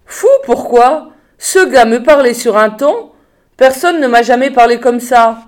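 A woman reading a storybook voices a bold teenage boy who talks calmly and with self-assurance. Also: on the high side, moderate pace, lightly acted. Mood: indignant.

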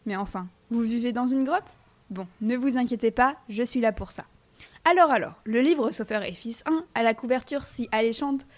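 A teenage girl reading a scripted book review for a school radio show, playful and teasing as she speaks straight to her listeners. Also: on the high side. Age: teens.

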